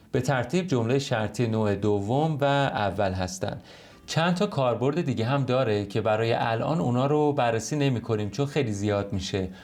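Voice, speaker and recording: A man teaching an online English lesson in Persian. He explains clearly and reads the English example sentences slowly and carefully. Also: mid-range voice, a little mellow. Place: home recording.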